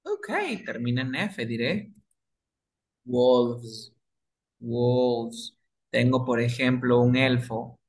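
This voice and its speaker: Slow-spoken man teaching English basics. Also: mid-range voice. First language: Spanish. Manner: repeats words slowly, asks and answers his own questions. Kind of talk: explaining grammar to beginners.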